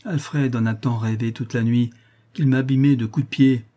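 A man voicing an excitable, doting old woman concierge who fusses in a shrill, fretful voice. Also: normal speed, slightly rough. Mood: excited. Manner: shrill, fretful, fussing endearments.

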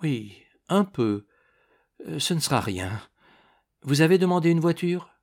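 A man voicing an agitated aristocratic countess, a middle-aged woman who speaks in a pleading, hurried, breathless way. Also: on the high side, lively intonation, a little mellow, pitched above the performer's own voice. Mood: weary.

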